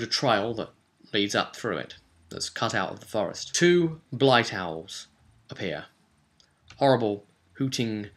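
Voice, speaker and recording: Recounting a tabletop RPG session he ran as game master, a fairly low-voiced man keeps it casual, throwing in animated asides and rhetorical questions.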